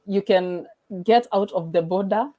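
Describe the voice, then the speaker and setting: A woman's voice: medium pitch, measured pace, warm tone, poor audio. A young Kenyan woman with a Kenyan accent, chatting as a guest on a video call, laughing often and slipping into Swahili. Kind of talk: casual interview chat.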